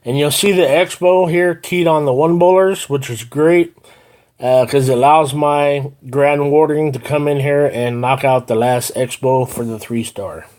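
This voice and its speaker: A middle-aged man walks through a game replay in a loose, conversational way, pausing on "uh" and restarting his sentences as he explains each step. His voice sits a little higher than most men's. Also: fairly even intonation, darkish tone. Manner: rambling, explains step by step with many "uh"s. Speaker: gaming channel host. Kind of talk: casual gameplay commentary.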